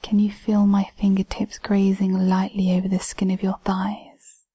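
A woman whispering throughout in an intimate audio roleplay, giving slow, commanding instructions. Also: mid-range voice, monotone, mellow, breathy edge.

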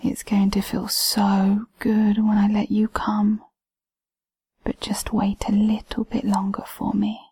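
Slow, breathy whispering woman. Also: mid-range voice, monotone, warm tone. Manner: whispering throughout, giving slow commanding instructions. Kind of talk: whispered intimate audio roleplay.

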